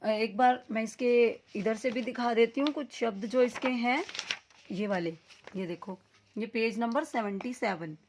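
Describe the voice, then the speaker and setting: A fairly high-pitched woman leads a lesson for small children. She stretches out each syllable clearly and repeats words for emphasis, dropping English words into her explanations. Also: measured pace, a little hiss or hum. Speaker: teacher. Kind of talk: recorded online class lesson for young children.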